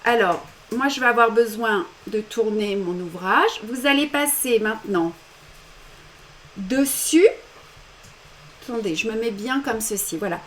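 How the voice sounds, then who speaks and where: A French woman leads a live embroidery lesson, speaking slowly and patiently through each step. Her voice sits a little high, and a faint hiss runs under the recording. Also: expressive, a bit bright. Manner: step-by-step instructions, self-deprecating asides. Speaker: embroidery teacher. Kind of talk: live craft demonstration.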